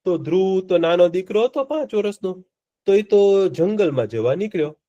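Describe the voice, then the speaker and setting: A man telling a story to children in a live class, with a lively storytelling voice that rises and falls as he stops to ask the children questions. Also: high-pitched, moderate pace, dull audio. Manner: asks the children questions often.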